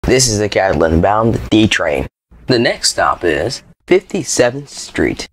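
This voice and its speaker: A man reading scripted transit announcements like a subway or airport announcer, in a formal, measured manner. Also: on the low side, sing-song, husky. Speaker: train announcer.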